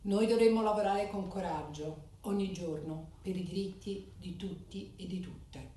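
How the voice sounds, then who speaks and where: A woman's voice: fairly low pitch, mellow, far from the mic. Woman declaiming a formal speech in a very echoey hall. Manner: measured, declamatory phrasing. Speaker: speaker at a club charter ceremony.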